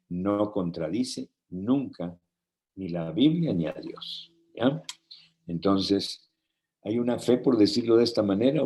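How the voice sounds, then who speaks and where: A man's voice: low voice, a little mellow. A man preaching a conversational sermon, telling personal stories and checking in with listeners through frequent tag questions. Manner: tells personal anecdotes with light laughter.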